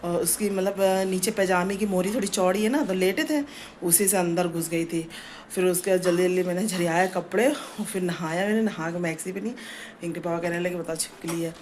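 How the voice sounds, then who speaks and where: Speaking briskly in a low, steady, darkish voice, a middle-aged family vlogger chats at home with lots of rambling and fillers. It was recorded indoors on a phone, with slight background noise.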